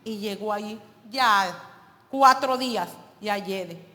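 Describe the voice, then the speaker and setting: A woman's voice: medium pitch, slow, bright, forceful tone, in a large hall. A woman preacher delivering an emphatic sermon and calling her listeners brothers.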